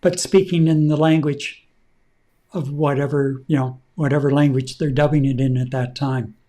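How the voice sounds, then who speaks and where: A middle-aged man co-hosting a casual talk show, relaxed and rambling with plenty of fillers. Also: medium pitch, normal speed. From Canada. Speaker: podcast co-host. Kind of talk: casual chat.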